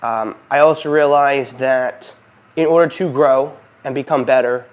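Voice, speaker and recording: Speaking at an unhurried pace with a steady, medium-pitched voice, a channel host chats through an unscripted update vlog. He's goofy and meandering, frequently breaking into his own sentences. A heating fan whirs noisily near the mic.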